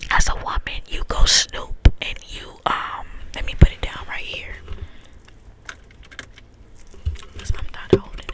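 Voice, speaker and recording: A young woman from Texas whispering an ASMR storytime through cupped hands close to the mic, sometimes repeating phrases over and over. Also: fairly bright tone. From small town in Texas, United States. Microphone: close ASMR mic, hands cupped around it.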